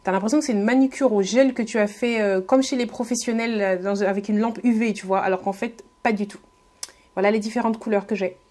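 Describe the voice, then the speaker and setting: Speaking a little fast in a steady, darkish mid-range voice, a woman narrates a casual beauty tutorial. The vlogger is friendly and talks directly to viewers, hesitating often with lots of fillers and restarts.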